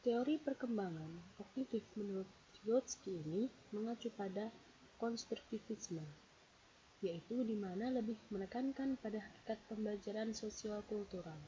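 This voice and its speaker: A woman presents a read-out lecture in a warm, mellow voice, steadily numbering each point as she explains. The recording is dull and lo-fi, with a faint hiss underneath. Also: mid-range voice, normal speed. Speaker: presenter explaining a psychology theory.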